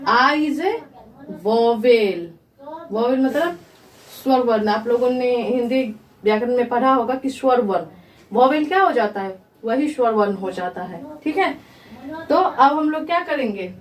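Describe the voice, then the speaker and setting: Woman teacher, fairly high voice, slow careful pace, grammar lesson, echoey room heard from a distance. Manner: slow, repeats questions to the class and answers them. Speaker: English teacher. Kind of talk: grammar lesson explained in Hindi.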